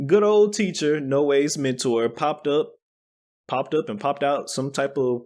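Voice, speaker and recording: A man's voice: medium pitch, a little slow, a little mellow. A man co-hosting a casual anime podcast, recapping episodes with hype, swearing and laughing. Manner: hyped, boastful, laughs and swears. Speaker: podcast co-host. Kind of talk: casual anime review chat.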